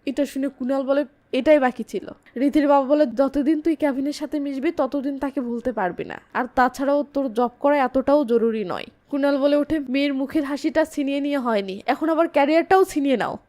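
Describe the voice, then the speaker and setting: A woman narrates a film recap in a high, clear voice. She moves briskly through the plot and gives the characters' lines a touch of emphasis without fully acting them. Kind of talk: movie recap narration with quoted dialogue.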